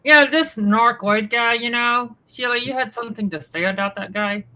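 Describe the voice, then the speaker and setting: A chatty ventriloquist puppet played by a woman with a sharp, bright tone. It rambles in a chummy, forgetful way, repeating itself and hesitating as it searches for words. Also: a little high, normal speed, pitched above the performer's own voice. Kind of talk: improvised ventriloquist banter.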